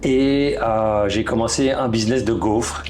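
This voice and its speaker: Soft music plays behind this Belgian man in his thirties, a real estate broker appearing as an interview guest. In a Belgian French accent he speaks hesitantly with many restarts, his medium-pitched, darkish voice unhurried and fairly even in intonation.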